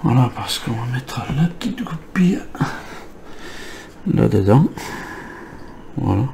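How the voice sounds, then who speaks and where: Gravelly-voiced man with a cold. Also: medium pitch, sing-song, slow pace, mellow, a little hiss or hum. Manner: thinking aloud while working, many fillers. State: has a cold. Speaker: model-kit builder. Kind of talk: hands-on assembly tutorial.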